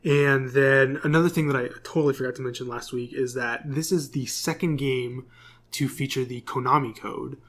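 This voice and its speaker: A man with a steady, somewhat bright, medium-pitched voice co-hosts a podcast at normal speed. In relaxed chat, he reads corrections off his notes and uses many fillers.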